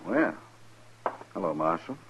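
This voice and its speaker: A shrewd, polite frontier lieutenant, deep register, muffled vintage radio drama. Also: male voice, lively intonation, measured pace. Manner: polite, laconic, knowing. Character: courteous, shrewd male army lieutenant. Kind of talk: 1950s radio western acting. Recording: muffled, noisy old radio recording.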